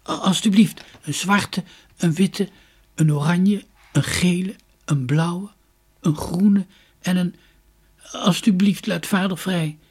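A man's voice: high voice, sing-song, a little fast, darkish tone, husky, voice pushed up, full character voice. A man voicing a young boy who pleads in a raised voice. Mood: pleading. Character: young boy, despairing then angry.

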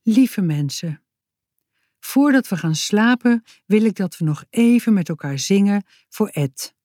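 A woman's voice: medium pitch, animated, unhurried, mellow, no echo, clean studio sound. A woman voicing an emotional grown man in a storybook reading, speaking solemnly.

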